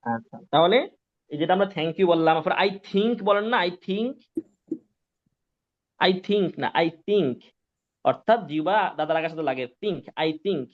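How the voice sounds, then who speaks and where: Patient high-voiced male Quran teacher. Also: lively intonation, moderate pace. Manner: patient, repetitive, asks students if they follow. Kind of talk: live online pronunciation class. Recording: dull lo-fi sound.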